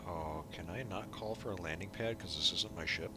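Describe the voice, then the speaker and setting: Animated man chatting over engine noise. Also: sits low, normal speed. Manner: animated, swears, laughs often. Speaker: streamer. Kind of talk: casual gaming chat.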